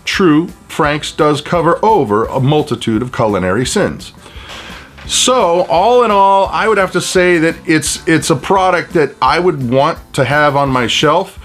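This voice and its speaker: A man's voice: on the high side, measured pace, fairly bright tone, faint music behind. A man giving a casual food review, talking in a folksy, jokey way with playful asides. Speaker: product reviewer.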